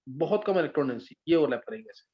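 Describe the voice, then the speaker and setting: High-voiced male chemistry teacher, lo-fi. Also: lively intonation, racing. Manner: patient, checks understanding often. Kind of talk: live online class teaching. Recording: dull lo-fi sound.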